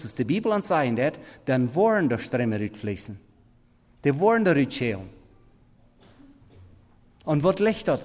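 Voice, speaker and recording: A man preaching a sermon in halting, non-standard German, swinging between loud emphatic scripture reading and quiet murmured asides. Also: on the high side. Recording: long reverb of a big hall.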